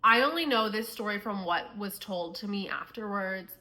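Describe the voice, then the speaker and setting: Young Midwest woman, bright tense tone, rambling storytime vlogger. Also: medium pitch, normal speed. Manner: chatty storytelling, filler-heavy. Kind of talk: storytime vlog.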